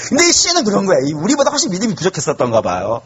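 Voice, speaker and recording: Animated high-voiced preaching pastor. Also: male voice, quick pace, breathy edge. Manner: animated preaching with questions to the congregation. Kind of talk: sermon. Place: church.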